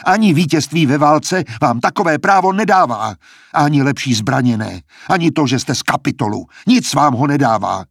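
A man reading a defiant, angry young student who argues in raised, heated retorts with a husky voice. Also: mid-range voice, animated, few pauses, a little mellow, dry recording, studio quality.

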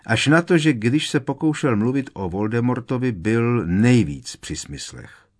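A man's voice: fairly low pitch, big pitch swings, breathy edge. A man reading aloud, voicing a worried teenage boy wizard who speaks urgently and with emphasis.

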